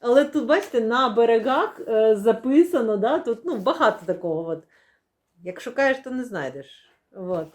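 A young woman talks casually to the camera as she unboxes new books. Her voice sits a little high, and she rambles playfully, fills pauses with hesitations and laughs often. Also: expressive, darkish tone. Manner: chatty, many fillers, laughs often, playful. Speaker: book vlogger. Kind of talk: casual book unboxing chat.

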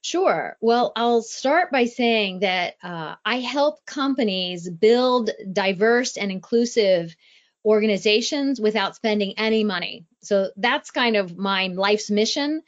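A woman from Ohio speaking as an author guest in an interview, measured and friendly. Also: medium pitch, lively intonation, lo-fi sound. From Columbus, Ohio. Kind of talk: interview conversation.

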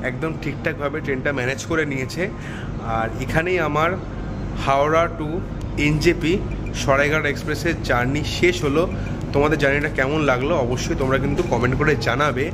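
A man from Kolkata with a Bengali accent, chatting casually to viewers in a travel vlog aboard a train. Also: fairly high pitch. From Kolkata, India. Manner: chatty, addresses viewers directly. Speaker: travel vlogger.

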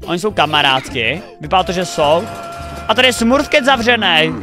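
A young man hosting a reaction video, commenting excitedly, thinking aloud and cheering the players on. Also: high voice. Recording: faint music behind the voice.

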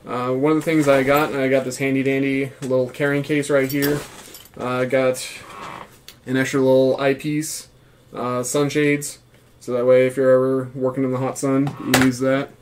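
A man's voice: mid-range voice, flat delivery, moderate pace, slight background noise. A man in his thirties giving a casual vlog review in a small room. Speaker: gas mask reviewer, former Marine.

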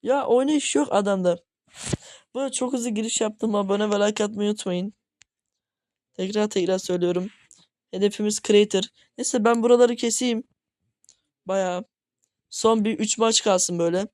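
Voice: mid-range voice, steady tone, moderate pace, pauses often, a little mellow, no echo. A gaming channel host talking over gameplay at home, often frustrated, exclaiming and grumbling at teammates. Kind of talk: gameplay commentary.

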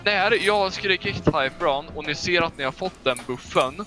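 A man leading a game raid over voice chat, shouting orders at his team. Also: fairly high pitch. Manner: yells orders, often shouting. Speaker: raid leader. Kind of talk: gaming voice chat. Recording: game music behind the voice.

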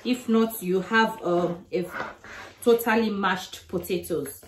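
A woman's voice: medium pitch, takes it slowly. Brief: middle-aged woman, chatty home-cooking vlog narration, roomy kitchen sound with light background hiss. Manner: chatty step-by-step explaining. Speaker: cooking vlogger. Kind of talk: casual cooking demonstration. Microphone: camera across the kitchen. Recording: echoey kitchen, faint noise.

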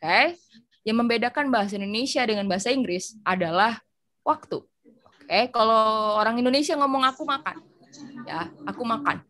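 Her voice on the high side, animated and fairly bright, a young woman tutors English at a moderate pace in a casual online session over a video call. She explains using everyday examples and moves back and forth between Indonesian and English.

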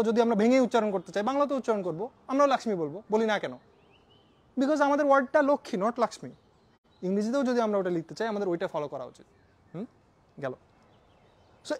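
A man with a Bangladeshi Bengali accent lecturing a university phonetics class in a conversational way, dropping English phrases into his talk and putting questions to the students. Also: sits high.

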